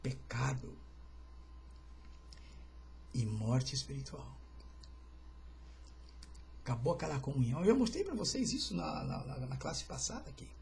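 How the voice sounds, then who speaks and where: A man's voice: mid-range voice, animated, measured pace, gravelly, long pauses, darkish tone, slight background noise. A man, a pastor, teaching an informal livestreamed Bible study in a chatty way, with joking asides and greetings to viewers.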